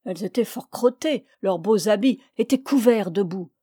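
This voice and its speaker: A woman reads an old fairy tale aloud in a clear, measured way. Her voice is mellow and warm-toned, at a middle pitch. The recording is close and dry. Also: dry recording. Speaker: reader of fairy tales. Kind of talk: storybook reading.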